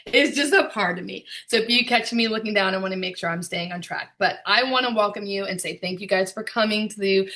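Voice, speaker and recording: A woman producer and director hosting a video call, chatty and excited, with frequent fillers and laughs. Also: mid-range voice. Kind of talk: casual presentation on a video call.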